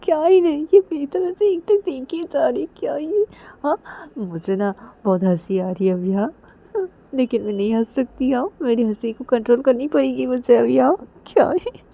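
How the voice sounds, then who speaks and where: A woman's voice: normal speed, gravelly, dark tone. A woman voicing a shy, flustered young woman who keeps telling her partner to stop staring. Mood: flustered, exasperated. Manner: high, exasperated, repeating herself.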